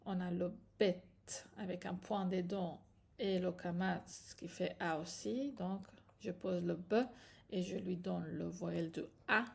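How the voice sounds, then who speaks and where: A woman's voice: on the low side, fairly even intonation, slow, vocal fry, darkish tone. A woman teaching a patient, step-by-step reading lesson, often checking in with her students. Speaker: Hebrew teacher.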